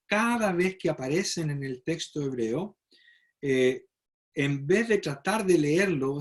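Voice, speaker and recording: A man teaching a Bible study lecture, explaining step by step and often checking in with his listeners. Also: fairly high pitch. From Chile. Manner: explanatory, frequent "¿verdad?" tag questions and fillers.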